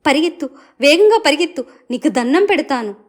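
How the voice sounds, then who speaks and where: A woman storyteller voicing a gentle young woman, a devoted daughter, who speaks softly and earnestly. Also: fairly high pitch, normal speed, close to an everyday voice. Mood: frantic.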